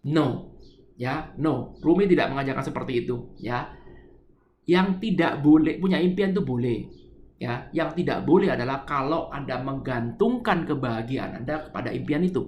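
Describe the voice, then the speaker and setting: A man's voice: medium pitch, animated, moderate pace, a little mellow, reverberant, slight background noise. A middle-aged man giving a spiritual lecture, explaining a poem line by line and having listeners repeat words. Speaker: spiritual teacher.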